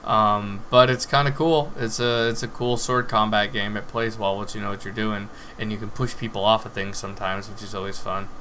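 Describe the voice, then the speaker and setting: A man's voice: on the low side, level tone, brisk, few pauses, sharp tone, a little hiss or hum. A young man hosting a casual podcast, rambling loosely and laughing often while telling jokes. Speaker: podcast host. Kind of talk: casual chat.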